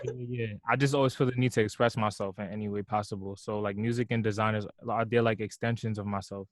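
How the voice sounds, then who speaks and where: Flat-voiced young New man. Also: fairly low pitch, fast talker, dry recording. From Brooklyn, New York. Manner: soft-spoken, lots of "like" and "um". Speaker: guest musician and fashion designer. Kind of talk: casual interview.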